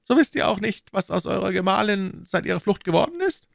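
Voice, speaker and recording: A man's voice: high-pitched, very animated, fairly quick, vocal fry, no echo, studio quality, voice pushed up, exaggerated voice. A man voicing an imperious, scheming older cardinal who questions sharply, in a storybook reading. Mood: probing. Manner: sharp, probing interrogation.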